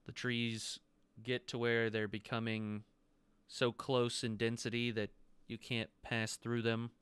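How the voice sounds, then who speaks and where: A man's voice: medium pitch, flat delivery, slow pace, a bit bright, clean tone, no room sound. A man narrating a tabletop game as game master, describing scenes loosely with casual fillers.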